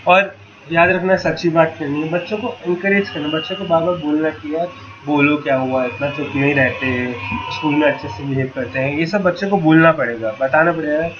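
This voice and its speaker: High-voiced man coaching parents, lo-fi. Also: fairly even intonation, fairly quick. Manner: patient, asks rhetorical questions, casual "yaar" asides. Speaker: workshop facilitator for parents. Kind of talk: explanatory talk to parents. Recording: dull lo-fi with loud ambient noise.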